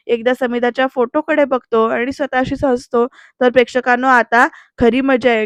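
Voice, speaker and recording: Smooth-voiced woman recapping a serial. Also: a little high, no room sound, lo-fi sound. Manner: keeps addressing viewers, conversational storytelling. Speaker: serial episode reviewer. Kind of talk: chatty episode recap narration.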